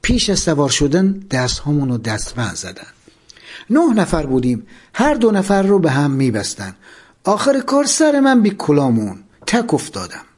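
A man narrating a first-person memoir, expressive, letting his voice sink at the ends of sentences. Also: fairly high pitch, breathy edge.

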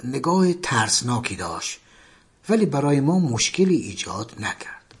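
Brief: male memoir narrator, slightly high, husky, measured storytelling. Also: a little mellow.

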